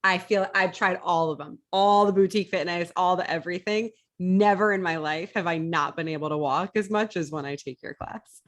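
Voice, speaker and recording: A woman's voice: lowish voice, fairly quick, few pauses. Enthusiastic woman hosting an interview. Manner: enthusiastic, laughs often. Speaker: podcast host. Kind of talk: casual interview chat.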